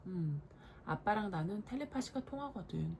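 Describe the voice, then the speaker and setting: A woman's voice: medium pitch, animated, vocal fry, crowd noise. A woman voicing a boy who acts grown-up and mock-serious in a storybook. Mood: smug. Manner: slow, mock-serious, adult-like. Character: know-it-all big brother, acting grown-up.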